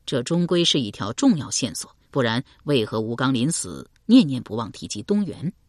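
A woman's voice: a bass voice, very animated, moderate pace, dry recording, clean studio sound, pitched below the performer's own voice, heavily acted. A woman reading the part of an earnest male general, who presses politely with his questions.

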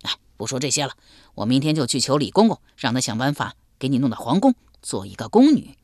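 A woman's voice: extremely low pitch, big pitch swings, quick pace, darkish tone, no echo, clean studio sound, full character voice. A woman voicing a confident, blustering middle-aged man. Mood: earnest, assured. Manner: assured, blustering.

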